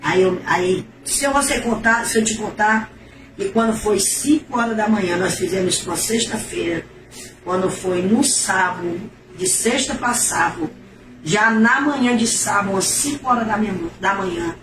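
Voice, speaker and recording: A woman's voice: mid-range voice, normal speed. A middle-aged woman, giving an emotional, repetitive religious testimony in a preacher-like manner. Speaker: testimony giver. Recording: echoey, distant, noisy.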